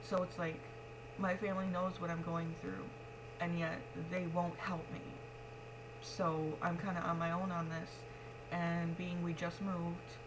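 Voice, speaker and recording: A young woman with a slightly low voice chats in a frank, rambling vlog style. She speaks with missing front teeth and keeps a matter-of-fact delivery. The recording has clear background noise and a hum. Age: young adult. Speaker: pregnant vlogger. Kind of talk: casual confessional vlog talk.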